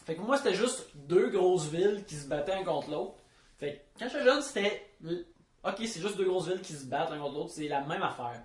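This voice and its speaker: Higher-pitched Abitibi man in echoey room. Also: animated, a little fast. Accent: Abitibi Quebec French. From Abitibi, Quebec, Canada. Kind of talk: casual anecdote telling. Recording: roomy, echoey room sound.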